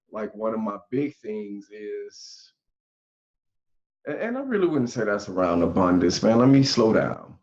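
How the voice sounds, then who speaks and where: Earnest man, forty, podcast co-host, unhurried, slightly muffled lo-fi recording. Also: lowish voice. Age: 40s. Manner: slow, earnest, thinks aloud, says "man" often. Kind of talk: casual conversation. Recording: dull lo-fi sound.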